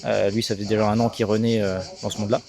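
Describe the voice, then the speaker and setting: Being interviewed casually, this Alsatian man in his thirties, co-founder of a sales agency, talks a lot and sprinkles in business jargon. His fairly low, a little mellow voice is flat and racing, with vocal fry.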